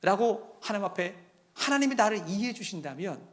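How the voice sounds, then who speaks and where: A man pastor delivering a sermon. He tells stories and asks the congregation direct questions, moving between quiet, hushed phrases and strong, emphatic ones. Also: high voice, lively intonation, brisk.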